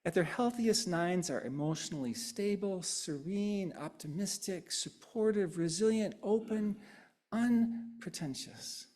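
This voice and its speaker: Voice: mid-range voice, measured pace, a little mellow. Conversational speaker leading an interactive sermon. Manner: conversational, often adding "right?"; repeats and riffs on audience answers. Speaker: speaker at a congregation service. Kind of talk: interactive sermon with congregation answers.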